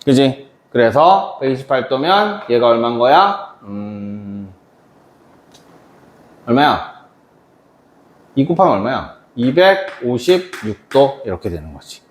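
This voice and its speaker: A man's voice: medium pitch, big pitch swings, slow, pauses often. A man teaching a math lesson to a class, chatty and quizzing students by name. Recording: echoey classroom.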